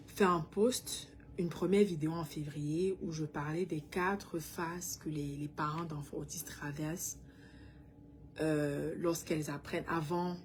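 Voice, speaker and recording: Cameroonian mother, earnest awareness vlogger, low-set voice, talks straight to parents. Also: darkish tone, slight background noise. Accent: Cameroonian French. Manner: earnest, addresses parents directly, slips into English. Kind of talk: casual direct-to-camera talk.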